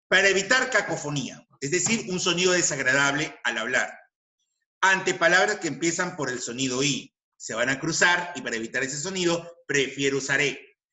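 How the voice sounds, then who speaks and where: A man teaching a recorded grammar lesson, speaking slowly and deliberately, repeating each example with emphasis and asking his students rhetorical questions. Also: on the high side, pushed and bright, reverberant. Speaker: language teacher.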